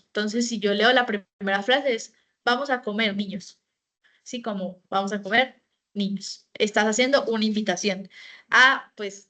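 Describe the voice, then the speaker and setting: Woman giving a slow, careful training talk. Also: a little high, fairly bright tone. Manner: explains slowly with fillers and self-corrections. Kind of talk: online training presentation.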